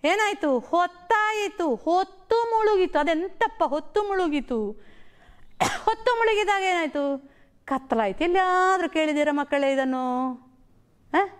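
A woman's voice: very high voice, expressive, unhurried. A middle-aged woman teaching a primary school lesson on television, asking the children questions and explaining words in a sing-song storytelling way.

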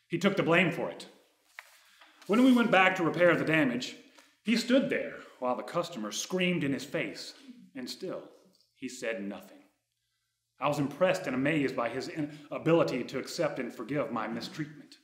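A man in his thirties reading a true personal story aloud on a dark theater stage, wry and ironic. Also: mid-range voice, reverberant.

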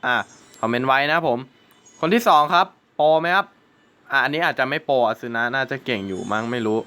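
A man's voice: mid-range voice, expressive, quick pace, sharp tone. A young man hosting his gaming channel, chatting casually through gameplay and swearing and exclaiming at the game.

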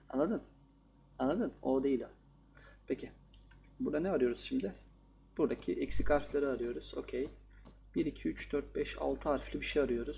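A man's voice: mid-range voice, gravelly, mellow, a little hiss or hum. A man playing a horror game and commenting casually, joking and talking back to the characters on screen. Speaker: gaming YouTuber.

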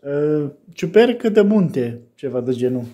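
Man, warm mellow voice, patient, explains carefully. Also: on the high side, sing-song. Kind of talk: casual family chat.

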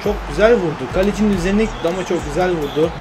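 Excitable man playing a football game. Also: high voice, racing, music in the background. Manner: exclaiming and repeating phrases. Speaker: gaming YouTuber.

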